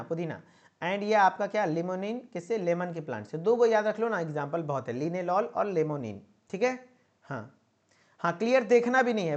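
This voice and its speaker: A man's voice: high-pitched, a little mellow. A man giving an online lecture to pharmacy students, repeating points and checking in with a coaxing "okay?". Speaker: pharmacy teacher. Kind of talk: online exam-prep lecture.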